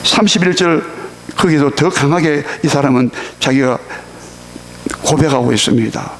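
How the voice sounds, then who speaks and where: A middle-aged man from South Korea preaching a Sunday sermon in a church, his voice sitting notably high. He talks in an animated, conversational way, checking in with the congregation and leading them through scripture readings together. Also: moderate pace, slight background noise. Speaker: pastor. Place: church sanctuary.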